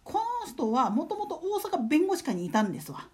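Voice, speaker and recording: A woman's voice: high voice, very animated, brisk. A woman hosting a casual solo talk show, chatting and putting rhetorical questions to her listeners. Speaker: solo radio talk host.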